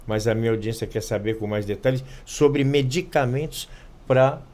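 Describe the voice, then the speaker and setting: A man hosting a podcast, talking in halting bursts with restarted words and frequent tag questions. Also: mid-range voice, darkish tone. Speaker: podcast host and physiologist. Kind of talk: casual podcast interview.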